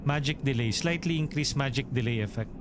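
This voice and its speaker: Talking a little fast against a noisy background, this medium-pitched man from the Philippines reads out game menus while streaming an RPG. He muses aloud and chats with his audience, live let's play style, in a Filipino accent.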